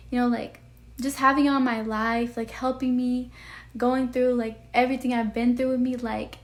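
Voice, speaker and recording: Speaking directly to her viewers, a young woman vlogger has a soft, sweet, slightly high voice with an almost childlike quality. Her heartfelt talk to camera is earnest and rambling, thoughts tumbling out between frequent "like"s and "you know"s.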